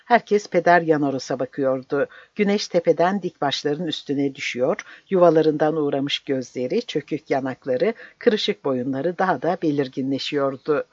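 A narrator reading a novel aloud at a steady, measured pace. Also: medium pitch, dry recording, dull audio. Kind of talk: audiobook narration.

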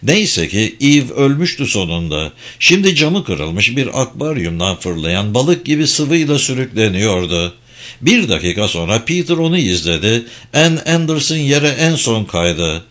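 A man reading a dark novel aloud as an audiobook narrator, with expressive delivery. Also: medium pitch, unhurried.

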